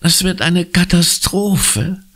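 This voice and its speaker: A man voicing an anxious, superstitious schoolgirl in an audiobook, with shrill, dismayed outbursts. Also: very animated, a little slow, fairly bright tone, full character voice. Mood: wailing. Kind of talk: audiobook character voice.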